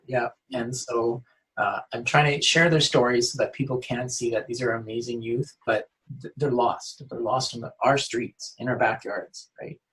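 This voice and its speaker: A man's medium-pitched, fairly bright voice holds a steady tone at a moderate pace on a low-quality recording. As a youth outreach worker in a casual interview, he comes across as earnest, frequently restarting and saying "you know."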